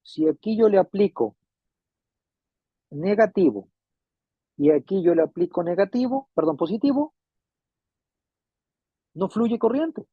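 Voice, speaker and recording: Male instructor, fairly high husky voice, patient and repetitive, tinny phone-like recording. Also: animated, a little slow, long pauses, no room sound. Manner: patient, repeats points and checks understanding. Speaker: refrigeration electronics instructor. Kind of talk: classroom lecture. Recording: tinny phone-like dry sound.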